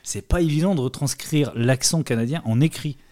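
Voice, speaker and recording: A man's voice: medium pitch, brisk, warm tone. A man interviewing a comics author, engaged and asking long questions. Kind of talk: casual interview.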